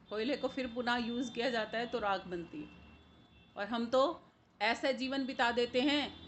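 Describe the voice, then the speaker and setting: A woman giving a devotional sermon, explaining verses and chanting couplets in a drawn-out cadence. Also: high voice, a bit bright, a little hiss or hum. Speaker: spiritual preacher.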